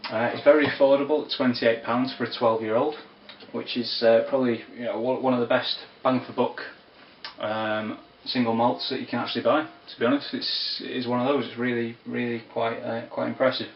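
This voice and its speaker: A man giving a casual spoken whisky review, unhurried and descriptive with wry asides. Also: mid-range voice, flat delivery, a little hiss or hum. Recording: roomy, distant, dull lo-fi sound.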